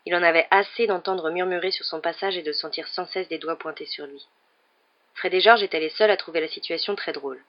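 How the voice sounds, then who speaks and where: A man reading a children's fantasy novel aloud as scripted narration, lifting his voice for the characters' lines. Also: a little fast. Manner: reads all the characters with raised pitch for quoted lines. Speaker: audiobook reader. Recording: dull lo-fi recording.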